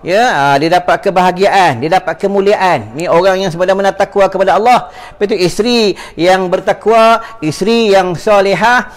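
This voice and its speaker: A man's voice: sits high, moderate pace. A man with a Malaysian Malay accent giving a religious lecture, repeating phrases and calling out to his listeners. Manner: preachy, repeats phrases, addresses audience as tuan-tuan. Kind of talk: sermon.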